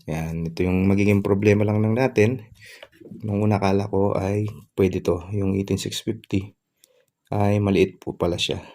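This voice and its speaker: A man giving a casual product review, calmly explaining features step by step in a polite way. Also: fairly low pitch, normal speed.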